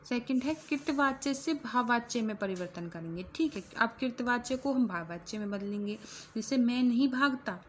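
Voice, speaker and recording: A woman's voice: on the high side, animated, normal speed, hardly any pauses, a little hiss or hum. A woman teaching a grammar lesson to exam students, explaining step by step and repeating key phrases to check along.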